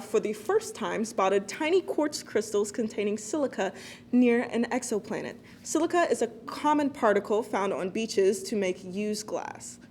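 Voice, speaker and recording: A woman anchoring a student TV newscast, reading stories in a clear, steady way. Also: fairly high pitch. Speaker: news anchor. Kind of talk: read news.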